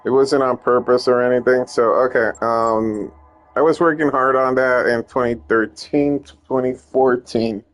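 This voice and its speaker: A young Puerto Rican man, a native Spanish speaker, rambles casually through an update on his ROM hacks, joking and cutting himself off. He talks at a moderate pace in a medium, steady voice over soft background music.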